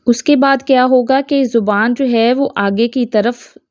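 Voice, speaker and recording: A woman teaching Quran pronunciation, explaining a diagram, often checking in and demonstrating sounds slowly over and over. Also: fairly high pitch, a little mellow, no echo, studio quality. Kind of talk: tajweed lesson explaining a diagram.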